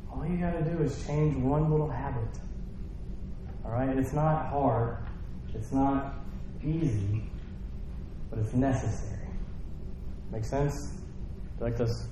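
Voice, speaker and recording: Pastor preaching casually in an echoey church. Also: male voice, medium pitch, noisy background. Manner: conversational, checks in with the congregation. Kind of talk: sermon. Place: church sanctuary. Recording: very echoey hall.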